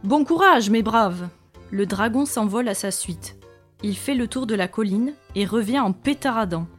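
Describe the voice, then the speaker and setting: A woman reading a children's story aloud in a lively, expressive way. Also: mid-range voice, normal speed, soft background music.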